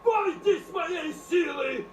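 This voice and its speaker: A man's voice: very high-pitched, slow pace, slight background noise. A man acting in a video game as a cop who poses as a grandiose, theatrical supervillain, proclaiming like an alien overlord. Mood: grandiose menace. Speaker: video game character, a police officer. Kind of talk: Russian game dub acting. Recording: echoey, distant sound with game music behind.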